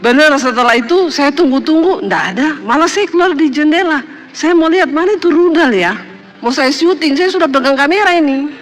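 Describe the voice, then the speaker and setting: A woman pastor preaching a sermon, telling a lively story and acting out the voices of the people in it. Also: sits high, a little fast, faint music behind. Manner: animated, acts out quoted voices.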